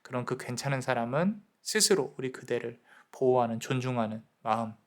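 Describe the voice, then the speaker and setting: A man giving a tarot reading, gently counseling the listener about love and self-worth and briefly acting out people's inner thoughts. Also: medium pitch, lively intonation, brisk. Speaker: tarot reader. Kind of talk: tarot reading advice to viewers.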